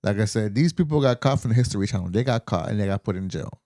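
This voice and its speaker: A man's voice: lowish voice, animated, fast talker, warm tone, no room sound, studio quality. A man hosting a podcast in casual, rambling chat, swearing now and then. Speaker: podcast host.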